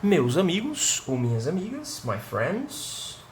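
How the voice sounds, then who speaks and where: A man from Brazil with a Northeastern Brazilian accent gives a remote lesson in a fairly high voice. He explains step by step and keeps checking in with the class. Faint noise hums behind him. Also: wildly swooping pitch, slow. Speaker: English teacher.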